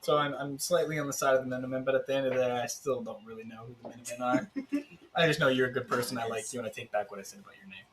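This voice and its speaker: A man's voice: mid-range voice, very fast, few pauses, fairly bright tone, slight background noise. A man player in a tabletop game, talking bluntly. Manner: blunt, gruff. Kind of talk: casual tabletop play.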